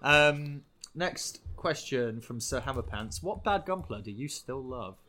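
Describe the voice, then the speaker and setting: A man's voice: mid-range voice, expressive, a little slow, pushed and bright, a little hiss or hum. A man hosting a casual podcast chat, reading out listener questions, laughing often and swearing casually.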